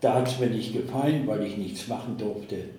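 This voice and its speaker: A man in his sixties, a resident chatting in a group conversation, slow and deliberate. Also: on the low side, warm tone. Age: 60s. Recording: echoey room.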